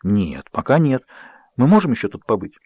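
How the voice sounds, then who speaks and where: A tearful, pleading young woman, as a male audiobook reader puts her on. Her voice rises a little higher and shakes with feeling. The recording sounds dull and dry. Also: sing-song, moderate pace, dark tone, slightly rough, no echo. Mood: tender.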